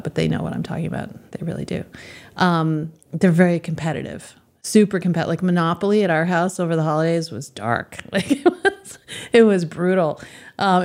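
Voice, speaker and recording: A middle-aged woman with a low-pitched voice talks in a loose, rambling way. She laughs often between thoughts. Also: darkish tone. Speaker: guest. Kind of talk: casual conversation.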